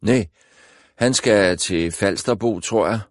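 A man's voice: lowish voice, no echo, clean studio sound, close to an everyday voice. A man doing a sulky teenage boy.

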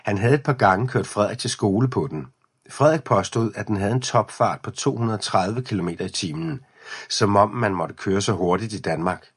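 A man narrating a children's audiobook in an even storytelling manner. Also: fairly low pitch, husky.

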